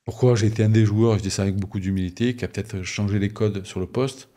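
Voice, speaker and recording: A middle-aged man from southern France, a former rugby player, telling lively anecdotes in a casual interview and acting out other people's voices. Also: fairly low pitch, quick pace. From Toulon, southern France.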